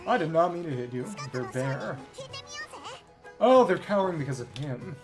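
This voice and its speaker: A woman streamer with a low, darkish voice and lively intonation provides live gameplay commentary at a moderate pace. She muses aloud, switching between reading game dialogue and reacting to it, with game music in the background.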